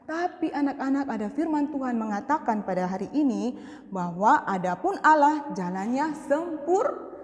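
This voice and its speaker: A woman telling a moral story to schoolchildren in a school chapel, animated and speaking directly to the kids, her voice echoing in the hall. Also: sits high, normal speed. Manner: animated storyteller addressing children. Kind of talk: children's chapel story and sermon.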